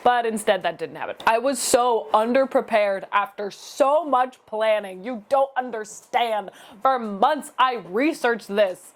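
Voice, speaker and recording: A woman's voice: mid-range voice, a bit bright. A young adult woman chatting casually in a storytelling vlog, filling her sentences with "like". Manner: chatty, leans heavily on "like" as filler. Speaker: vlogger.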